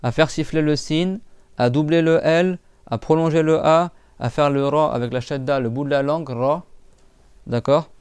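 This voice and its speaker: Smooth, dry-voiced man teaching. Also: a little high, moderate pace, a little mellow, no echo. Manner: patient, repeats and drills sounds; casual spoken French with many fillers. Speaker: Quran recitation teacher. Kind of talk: live class explanation.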